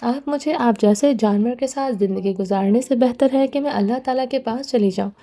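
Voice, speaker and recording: A woman's voice: on the high side, mellow, lightly acted. A woman reading the part of a frightened, tearful young woman in a storybook, pleading and timid.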